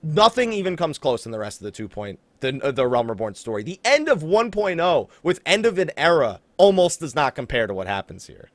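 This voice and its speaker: Hosting a laid-back gaming podcast, this man hypes things up with emphatic delivery aimed straight at his audience. His voice sits on the high side with big swings in pitch, and he talks fairly quickly with hardly any pauses. There's no room sound.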